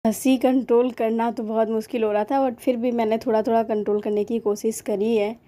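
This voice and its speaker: A woman's voice: a little high, level tone, fairly quick, warm tone. An Indian woman vlogger giving a casual, chatty voice-over about a prank she played on her husband. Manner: chatty, giggly, addresses viewers.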